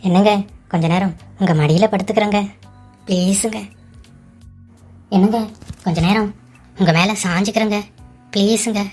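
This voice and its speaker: ஒரு பெண் கார்ட்டூனில் கெஞ்சும் இளம் மருமகள் கலாவாகக் குரல் கொடுக்கிறார். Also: female voice, mid-range voice, steady tone, normal speed, pauses often, darkish tone, faint music behind, voice pushed down, natural voice. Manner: pleading, whiny, defensive. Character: young pleading daughter-in-law Kala. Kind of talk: cartoon voice acting.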